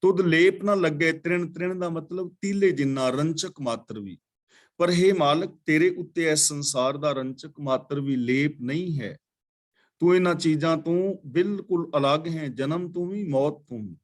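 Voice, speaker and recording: A man teaching a scripture class, chanting verses slowly and then patiently explaining them word by word. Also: on the high side. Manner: patient, corrects pronunciation. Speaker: katha teacher.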